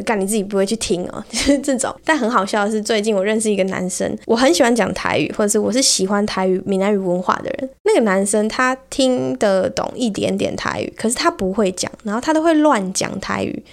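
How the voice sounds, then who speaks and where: A woman from Taiwan with a Taiwanese Mandarin accent, hosting a podcast in a chatty, rambling, self-mocking way. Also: medium pitch. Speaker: podcast host. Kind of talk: casual podcast chat.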